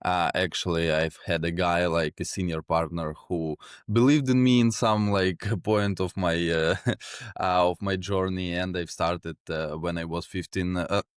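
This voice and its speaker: Low-voiced young man from Ukraine. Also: a little slow, smooth, no room sound, studio quality. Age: 20s. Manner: relaxed, many fillers, chuckles often. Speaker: guest, sales executive. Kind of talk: casual interview.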